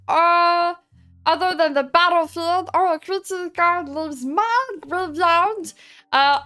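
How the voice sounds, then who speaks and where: A player putting on a squeaky goblin voice while taking a turn in a card game, giggly and sing-song. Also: pushed and bright, exaggerated voice. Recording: faint background music.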